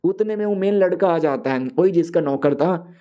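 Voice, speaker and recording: A man's voice: a little high, mellow. A young man casually retelling a manga story in slangy speech, acting out the characters' lines as he goes. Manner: acts out all characters' lines in quick slangy dialogue. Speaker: manga recap narrator.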